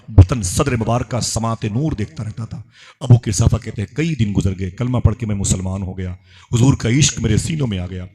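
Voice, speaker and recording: Male preacher, sermon, impassioned storytelling, chanted verses, fairly low voice. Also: mellow. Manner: impassioned storytelling, urging the crowd to respond.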